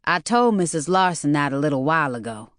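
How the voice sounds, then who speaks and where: A woman's voice: sits low, lively intonation, a little fast, dry recording, clean studio sound. A woman narrator voicing a shaken young woman care worker who whimpers and stammers. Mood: flat.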